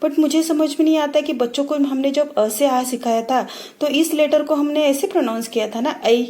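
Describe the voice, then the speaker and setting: A woman teacher giving a phonics lesson to parents, saying each letter sound slowly and repeating it. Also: high-pitched, darkish tone. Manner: slow, repeats sounds for practice.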